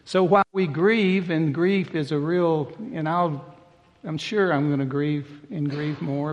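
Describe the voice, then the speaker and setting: An older man delivers a sermon from the pulpit, his voice sitting a little higher than most men's. He preaches in a folksy, conversational way, and the sound rings with the long reverb of a big hall. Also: vocal fry, lo-fi sound. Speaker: pastor.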